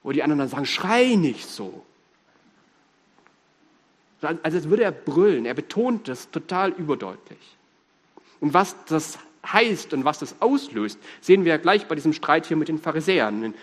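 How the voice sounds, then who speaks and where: A man with a Swabian accent preaching a sermon, lively, humorous and emphatic. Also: fairly high pitch, normal speed. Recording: reverberant hall.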